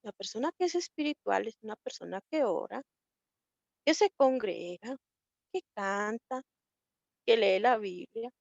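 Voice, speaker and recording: A woman's voice: a little high, animated, a little slow, vocal fry, pauses often, a little mellow, no echo, highs cut off. Woman teaching a Bible class. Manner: conversational, repeats herself, acts out quoted people.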